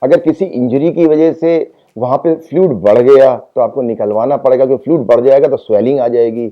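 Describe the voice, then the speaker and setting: A man speaking as the doctor guest on a talk show, explaining calmly and repeating reassurances. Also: medium pitch, a little fast. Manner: calm advising, repeats reassurances. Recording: phone-like narrow band.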